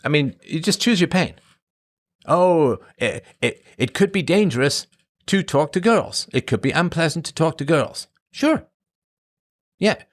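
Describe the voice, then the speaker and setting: An animated but unhurried male voice belongs to a middle-aged host who was born in Ireland and brought up in England. Answering his live chat, he talks in a rambling, conversational monologue full of emphatic pitch swings.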